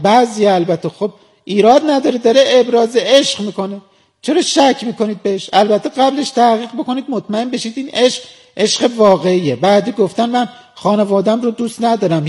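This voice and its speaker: A man's voice: high voice, a little mellow. A man hosting a radio comedy sketch as a mock advice doctor, answering letters with sarcasm. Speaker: comic host playing a love advice doctor.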